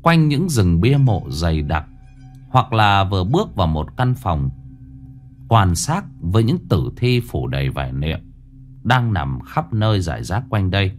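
A man narrating a ghost story in a slow, dramatic way, dropping to a hush at eerie moments. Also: deep voice, big pitch swings. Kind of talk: scripted horror story narration. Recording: narration over faint music.

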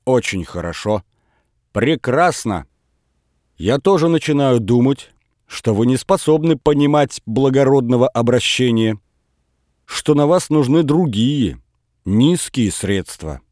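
A man's voice: medium pitch, animated, a little slow, darkish tone, no echo, clean studio sound, pitched above the performer's own voice, close to an everyday voice. A man reading aloud, voicing an imperious, reproachful elderly grandmother in a storybook reading. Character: stern, wounded elderly countess grandmother.

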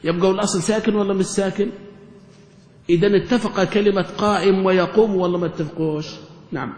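A man teaching grammar to a class, asking quick questions and answering them himself. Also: sits high, steady tone, a little mellow. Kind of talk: classroom lesson explaining grammar. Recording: echoey hall recording.

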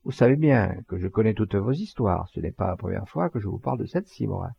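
A man voicing a friendly, knowing gentleman who speaks in a measured, confiding way. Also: lowish voice, expressive, vocal fry, slightly rough, highs cut off, exaggerated voice.

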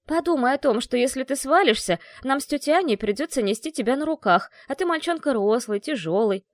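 A woman's voice: high voice, expressive, a little fast, no echo, pitched above the performer's own voice. A woman voicing an anxious, caring mother who fusses over her son and speaks firmly.

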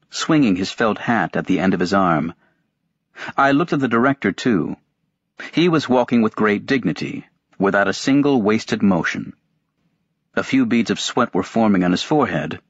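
A man narrating a first-person novel as a sleep audiobook, in an even, unhurried reading voice. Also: on the low side, dry recording. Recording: dry, dull-sounding recording.

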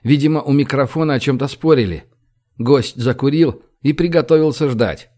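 A man narrating an audiobook, lively and acting out the dialogue. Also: mid-range voice, normal speed.

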